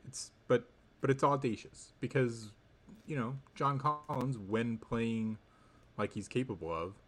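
A man co-hosting a sports podcast, giving casual analysis in halting, thoughtful phrases. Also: medium pitch.

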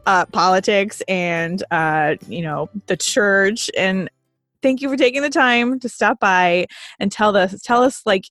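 A woman's voice: mid-range voice, unhurried, fairly bright tone, no room sound, faint music behind. A woman hosts a casual talk show in a bubbly, loose way, filling gaps with likes and ums. She laughs often, and her voice sounds dry and close to the mic. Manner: bubbly, filler-heavy, laughing. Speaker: podcast host. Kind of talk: casual conversation.

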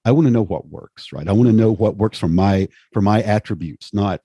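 Deep husky-voiced man in his fifties. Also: a little fast, dark tone, no room sound, clean studio sound. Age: 50s. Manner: enthusiastic, peppers talk with "man" and "right?". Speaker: podcast host. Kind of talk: casual conversation.

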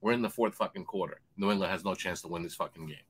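A man who bets on sports, telling a long profane story in a loud rant and acting out other people's lines. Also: sits low, steady tone, rapid-fire. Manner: loud, swears constantly, acts out other voices. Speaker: sports betting handicapper guest.

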